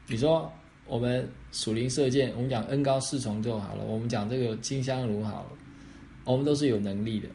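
A man's voice: medium pitch, mellow, slight background noise. A man pastor answering questions on faith, explaining step by step and often checking that he is understood.

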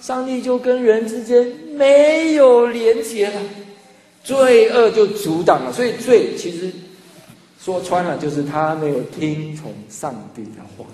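Pastor guy preaching, highish voice, acts out little scenes, big echoey hall w faint hum. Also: measured pace. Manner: animated storytelling, acts out dialogue. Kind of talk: sermon.

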